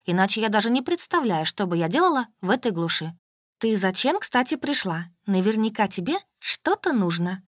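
A woman voicing an older mother who complains without pause in a reproachful, whining way. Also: mid-range voice, very animated, dry recording, studio quality. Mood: nagging. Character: nagging self-pitying older mother, complaining nonstop.

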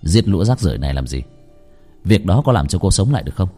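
A man voicing a calm young man who firmly reasons with a ghost in a horror story. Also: low voice, quick pace, faint music behind, voice pushed down.

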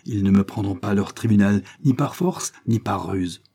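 A man's voice: fairly low pitch, normal speed, dark tone, breathy edge. A man reading an audiobook, voicing a proud, scheming young woman servant who speaks indignantly and defiantly.

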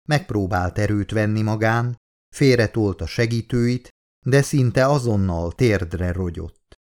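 A man reading an audiobook in a measured, dramatic way. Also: fairly low pitch. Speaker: audiobook narrator. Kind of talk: scripted narration.

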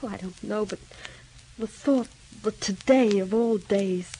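An actress playing a sad young wife and mother who pleads softly, in 1930s radio drama style. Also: medium pitch, a little slow, slight background noise, natural voice, rough recording. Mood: subdued. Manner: soft, subdued pleading.

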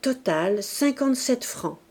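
A woman's voice: on the high side, animated, unhurried, a little mellow. A woman voicing a shrewd, calculating middle-aged innkeeper's wife in a storybook reading. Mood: scheming.

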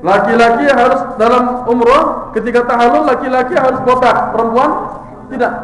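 A man with a very high voice teaches a religious class to teenagers, firing questions at the audience and echoing back their answers. His voice rings through a large, echoey hall with a long reverb tail. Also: moderate pace, fairly bright tone.

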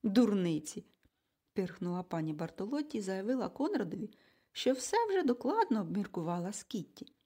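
A woman reading a storybook aloud with expressive narration. Her voice is mellow and a little husky, and it moves lively through its pitch range. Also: fairly quick. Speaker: audiobook narrator. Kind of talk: scripted audiobook narration.

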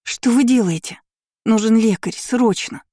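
A woman voicing a timid, anxious young maid who stammers and speaks up high. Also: measured pace, dark tone, no echo, clean studio sound. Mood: alarmed.

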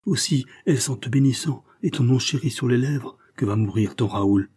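A man's voice: medium pitch, normal speed, a little mellow, slightly rough, close to an everyday voice. A man reading aloud, voicing a remorseful young man who confesses his faults to his mother with heated emotion. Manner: emotional and self-accusing.

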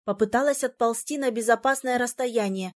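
A woman narrating a fantasy audiobook in the first person with steady, expressive storytelling. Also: on the high side, fairly quick.

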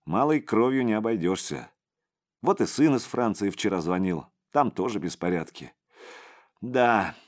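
A man narrates a crime novel for an audiobook. His voice is low, and his intonation moves expressively through the sentences. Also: lively intonation, moderate pace. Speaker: audiobook reader. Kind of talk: reading a crime novel aloud.

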